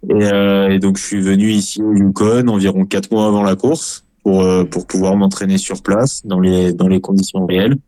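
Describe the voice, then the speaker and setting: A man's voice: low-pitched, flat delivery, moderate pace, few pauses, dark tone, no room sound. A man in his twenties from France, an ultra-trail runner answering interview questions with many hesitations and restarts. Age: 20s.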